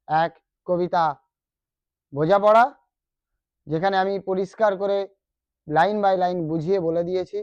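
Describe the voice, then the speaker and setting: A teacher with a West Bengal accent walks students through a grammar lesson at a very unhurried pace. Key terms come back again and again, with questions put to the class. The voice sits mid-pitched in a dry, close recording. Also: dry recording, highs cut off. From West Bengal, India.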